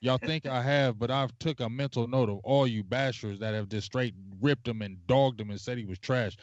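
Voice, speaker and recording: A man's voice: medium pitch, dry recording. Male co-host, heated rambling sports rant, dry close sound, dull lo-fi audio. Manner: passionate, rambling, drawn-out fillers. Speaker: podcast co-host. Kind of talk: casual sports talk livestream.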